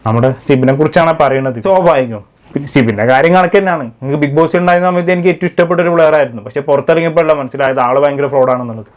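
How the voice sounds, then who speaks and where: A man's voice: fairly high pitch, racing. A man hosting a casual episode review, talking in a sarcastic, scolding way. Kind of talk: fast casual review commentary.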